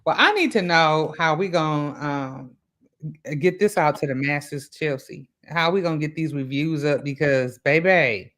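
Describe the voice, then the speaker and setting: A woman hosting a casual book chat over a video call, talking in an animated, emphatic way and laughing often. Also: sits low, unhurried. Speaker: podcast host.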